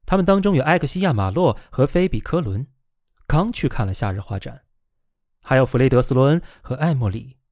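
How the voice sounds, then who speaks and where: A man's voice: medium pitch, animated, quick pace, darkish tone, dry recording, clean studio sound. A man reading a novel aloud as narrator, giving the quoted characters a raised voice.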